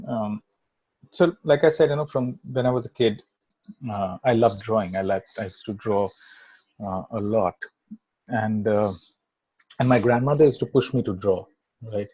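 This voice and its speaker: Here the guest is a middle-aged man from Kolkata, a filmmaker whose first language is Bangla and who speaks English with an Indian accent. His speech is low-ish and dark, at a moderate pace with long pauses, and his casual interview chat wanders, packed with fillers and "right?" tags. The audio is dry and low-quality.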